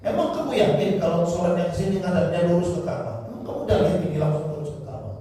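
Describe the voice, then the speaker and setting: A high-voiced Indonesian man preaches in a mosque with a warm, mellow tone. He tells stories animatedly and acts out the voices of the people in them. His voice rings through a large, echoing hall, picked up from well away from the microphone. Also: quick pace, slight background noise. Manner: storytelling, animated, acts out dialogue and a baby's cries. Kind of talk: sermon. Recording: echoey hall, distant mic.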